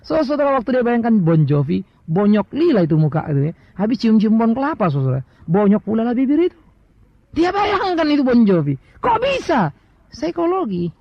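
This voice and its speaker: A middle-aged Indonesian-accented pastor preaches in a very high-pitched voice with vocal fry, on a dry, dull lo-fi recording. He tells stories, poses rhetorical questions, and mixes in English words.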